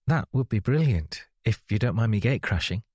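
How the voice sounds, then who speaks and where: A man's voice: lowish voice, animated, moderate pace, dark tone, slightly rough, no echo, studio quality. A man voicing a friendly, eager young woman from Yorkshire with a breezy, lightly raised voice.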